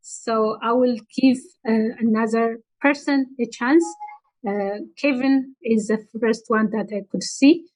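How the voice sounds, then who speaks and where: Higher-pitched woman moderating a webinar. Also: slow pace, darkish tone, poor audio. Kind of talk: moderating an online workshop.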